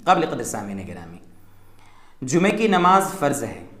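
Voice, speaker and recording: A man's voice: mid-range voice, very animated, normal speed, fairly bright tone, reverberant. A man explaining step by step how to pray as a mufti, in a patient teaching manner, often checking in with "theek hai.". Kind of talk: religious instruction talk.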